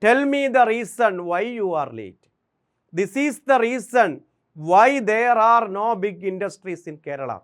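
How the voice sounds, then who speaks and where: A native Malayalam-speaking man with a Malayali accent teaches English grammar for exam prep, drilling examples and firing quick questions. His voice sits high and sounds animated.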